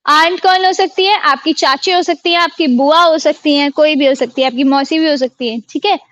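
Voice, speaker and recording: A woman's voice: high-pitched, fairly even intonation, a little fast, a bit bright, muffled recording. An Indian woman teaching a French class over a video call, quizzing her students and repeating each word. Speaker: online French tutor. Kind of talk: live online class teaching.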